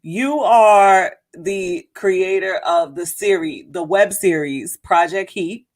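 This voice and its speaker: A woman's voice: fairly low pitch, takes it slowly. A woman hosting a podcast, chatting casually and upbeat with a guest. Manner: upbeat, chatty, laughs easily. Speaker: podcast host. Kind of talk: casual interview chat.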